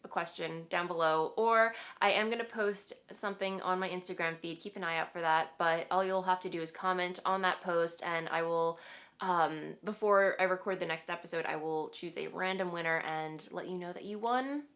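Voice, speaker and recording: A woman's voice: fairly low pitch, fairly even intonation, normal speed, fairly bright tone. Nasal, congested woman chatting casually. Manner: chatty and rambling, with fillers and laughs. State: congested from a cold. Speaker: knitting podcast host. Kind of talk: casual chat to camera.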